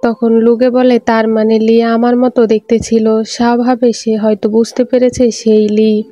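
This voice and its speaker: A woman narrating a film recap in a steady, even storytelling read, with soft music underneath. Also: a little high, unhurried, muffled recording. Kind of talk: scripted movie recap narration.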